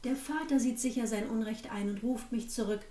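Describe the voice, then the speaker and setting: A woman's voice: on the high side, brisk, mellow, echoey room, distant mic, close to an everyday voice. A woman doing a meek, pleading young girl. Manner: pleading, trembling.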